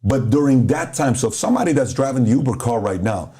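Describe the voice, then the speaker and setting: A man's voice: mid-range voice, quick pace. A middle-aged man from Iran telling motivational stories as a podcast guest, acting out the dialogue as he goes. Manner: animated, acts out dialogue in stories. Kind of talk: motivational storytelling.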